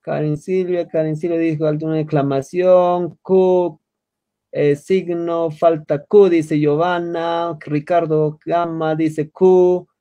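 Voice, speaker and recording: A man teaching an online language class over a video call, patiently repeating words slowly for his students. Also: a little high, flat delivery, warm tone.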